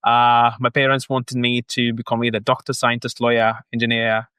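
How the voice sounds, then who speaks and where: An Egyptian man in his thirties, founder of a marketing agency, guests on a casual business podcast and earnestly walks through his work step by step. His medium-pitched voice is pushed, bright, clear and resonant, with a completely flat delivery at a moderate pace and no echo.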